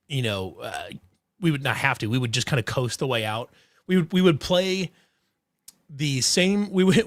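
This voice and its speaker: A man hosting a casual sports podcast, rambling through restarts and fillers, excitable and swearing freely. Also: mid-range voice, no echo, studio quality. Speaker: podcast host.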